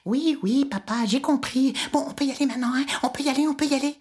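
A woman's voice: fast, darkish tone, lightly acted. A woman voicing the boy Icarus in a storybook reading, eager and rambling. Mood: impatient. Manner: eager, rambling, high-spirited. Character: childish excitable boy Icarus, chattering.

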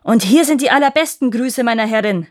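A woman voicing an ugly, fearsome male spirit dwarf who shouts and scolds. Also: on the high side, fairly even intonation, moderate pace, clear, resonant tone. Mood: shouting.

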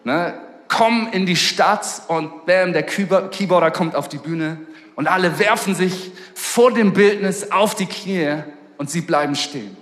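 A man's voice: sits high, a little slow, a bit bright. A man preaching a sermon in a casual, slangy storytelling way, fervent about his message. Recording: echoey hall with long reverb.

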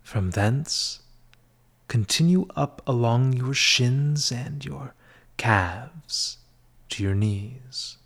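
A mid-range male voice guides a meditation, soft and breathy in a half-whispered spa manner. The delivery is soothing and measured, broken into short phrases with long pauses in between.

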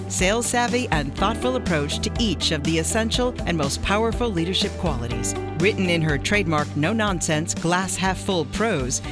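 Polished woman announcer over music. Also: lowish voice. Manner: polished, persuasive. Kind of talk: scripted promotional read. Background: music bed.

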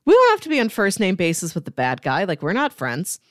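A podcast co-host with a lowish voice and huge pitch swings talks a little fast in a studio-quality recording with no room sound. She chats casually about comics and books in a review, acting out bits as she goes.

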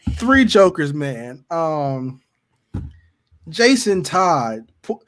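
Male co-host, higher register, very lively intonation, crude frat-bro slang, playful comedic riffing. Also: drawn-out words. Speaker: podcast co-host. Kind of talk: casual comedic chat about comic books.

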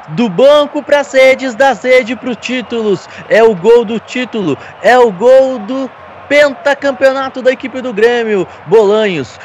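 A Brazilian man giving excited live football commentary as part of a broadcast team. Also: sits high. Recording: faintly noisy stadium broadcast.

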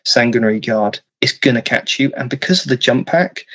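A man's voice: mid-range voice, fairly quick, a bit bright, slightly rough. A man explaining strategy in casual talk, posing questions and answering them himself, as an experienced game player would. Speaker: competitive tabletop wargame player. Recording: dull, lo-fi mic sound.

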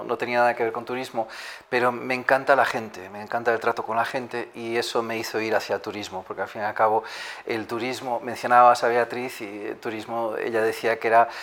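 Man from Galicia, interview guest, measured, agreeable, middle pitch, restarts his phrases. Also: fairly even intonation, fairly bright tone. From Galicia, Spain. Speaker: hotel executive and tourism entrepreneur. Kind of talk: conversational interview.

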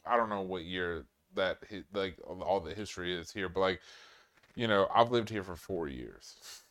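Man, from New York, smooth voice, rambling casual chat, swears. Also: low voice, normal speed, fairly bright tone. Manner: rambling, lots of filler, swears.

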